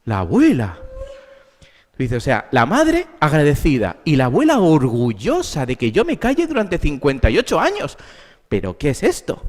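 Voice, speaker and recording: A man's voice: fairly high pitch, huge pitch swings, moderate pace, long reverb tail. A man with a Spain Spanish accent, a therapist giving an emphatic conference lecture full of rhetorical questions. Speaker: therapist giving a symposium talk. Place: conference hall.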